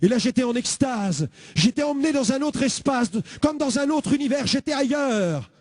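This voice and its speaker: Tell it big: a high-pitched preacher sharing his testimony, bursts of shouting, dry sound. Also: moderate pace, no echo. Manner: animated storytelling, bursts of shouting. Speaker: evangelist. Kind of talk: testimony sermon.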